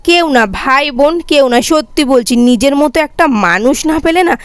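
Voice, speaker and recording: A young woman narrating her day-out vlog in a quick, chatty way. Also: high voice, animated, no room sound. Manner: fast, chatty, says herself she talks quickly. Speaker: vlogger. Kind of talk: casual vlog voice-over narration.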